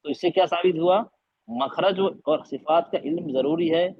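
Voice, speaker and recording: A man with a husky, fairly high voice leads an online recitation lesson, repeating letter sounds as demonstrations and quizzing his students. The sound is dry and close, with no room around it. It comes through the dull, lo-fi audio of a video call. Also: no room sound. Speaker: Quran recitation teacher. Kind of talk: online class teaching.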